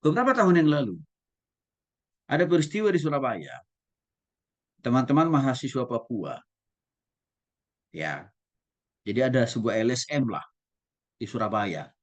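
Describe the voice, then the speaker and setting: A man's voice: mid-range voice, normal speed, pauses often, lo-fi sound. A male pastor giving a teaching sermon, asking his listeners questions and acting out examples. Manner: lively, asks listeners questions, acts out examples.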